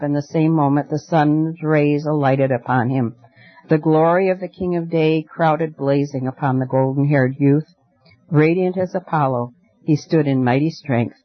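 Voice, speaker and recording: A man reading a storybook aloud in a measured, expressive way. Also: fairly high pitch, no echo. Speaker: audiobook narrator. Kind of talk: scripted storybook narration. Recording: dry, dull lo-fi recording.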